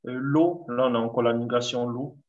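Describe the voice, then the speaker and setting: A man, a student in a class, slowly and hesitantly parsing a text aloud with many fillers. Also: mid-range voice, steady tone, phone-quality sound.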